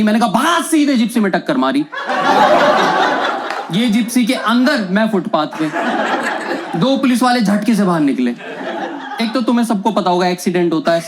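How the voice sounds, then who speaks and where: A young man performing stand-up comedy, telling a story in an animated way and acting out the quoted lines. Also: sits high. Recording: loud background noise.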